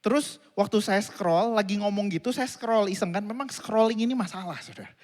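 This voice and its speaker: A man preaching a sermon, telling a family story in an animated way and addressing the congregation directly. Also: high voice, a little fast. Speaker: pastor. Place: church auditorium. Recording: reverberant hall.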